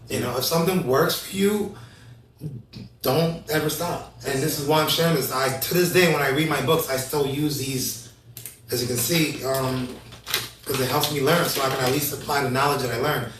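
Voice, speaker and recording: A man in his thirties hosting a casual talk show, energetic and rambling, often restarting his sentences. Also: mid-range voice, echoey room, recorded from a distance, slight background noise, rough recording. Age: 30s. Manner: energetic, rambling, self-correcting. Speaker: host.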